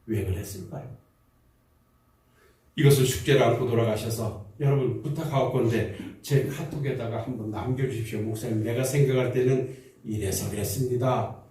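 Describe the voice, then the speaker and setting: Impassioned preaching pastor in an echoey church. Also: male voice, medium pitch, fairly even intonation, fairly quick, mellow. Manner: impassioned preaching with repeated rhetorical questions. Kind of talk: sermon. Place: church sanctuary. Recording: echoey church hall, mic at a distance.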